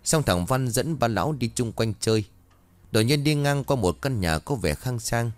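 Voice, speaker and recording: Animated male ghost-story narrator. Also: medium pitch, normal speed, dry recording.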